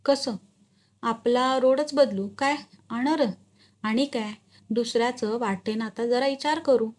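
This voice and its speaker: A brash, scheming village man, put on by a woman reading a short story pushes his point in blunt rustic dialect. His voice sits a little high. He talks with loud, pushy certainty. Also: slow. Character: brash scheming rural male crony, loud.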